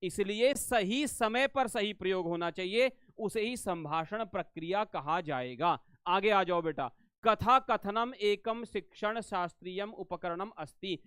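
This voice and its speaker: A man teaches a live online exam-prep lesson in a high, smooth, resonant voice. He repeats key phrases and keeps quizzing his students, asking whether they understood. The sound is dry and close, with no room echo. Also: measured pace, fairly bright tone. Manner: addresses students as beta, asks if they understand.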